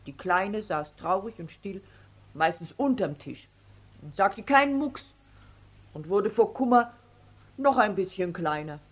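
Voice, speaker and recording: A woman reading a children's story aloud in an expressive, playful manner. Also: medium pitch, unhurried, long pauses.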